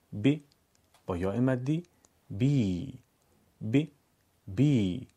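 Male Quran teacher, warm low-bright tone, patient lesson delivery, stretches syllables in drills. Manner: stretches example syllables slowly and chants them. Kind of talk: recorded lesson, calm explaining with drawn-out drills.

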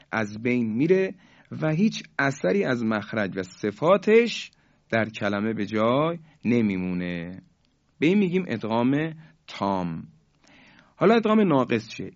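A man teaching a spoken lesson in an explanatory way, repeating example words slowly and with stress. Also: fairly low pitch, muffled recording.

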